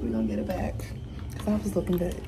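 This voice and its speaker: A woman's voice: fairly low pitch, very animated, quick pace, over loud music. A young woman vlogging casually about her outfit and perfumes, then talking to a close-held phone camera in a gym locker room, rambling and correcting herself as she goes. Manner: chatty, rambling, self-correcting. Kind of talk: casual get-ready-with-me vlog talk.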